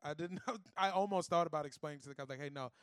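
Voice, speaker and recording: A man's voice: on the high side, rapid-fire, fairly bright tone, clean tone. A man, a comedian guest, telling casual comic stories in a loose, profane way and acting out the voices he quotes.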